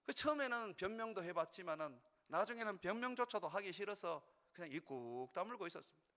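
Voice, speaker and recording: A middle-aged male pastor preaching a sermon in earnest, rising to urgent peaks and dropping to quiet, intimate passages. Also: high voice, animated, quick pace. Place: church sanctuary. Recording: long reverb of a large church hall.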